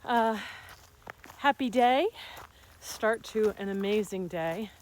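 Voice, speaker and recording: Speaking slowly at medium pitch, with a little hiss or hum in the audio, a fifties vlogger and health coach walks uphill on a rural trail. She's a little breathless but chatty, telling animated stories and laughing in a casual vlog.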